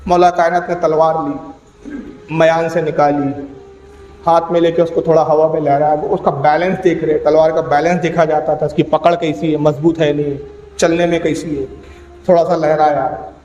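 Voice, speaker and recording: Speaking with a Pakistani accent, a man preaches an emotional storytelling sermon and acts out the voices of the people in his tale. His voice sits on the high side, warm but flat in delivery, and the dull audio comes from an echoey hall with a faint hum.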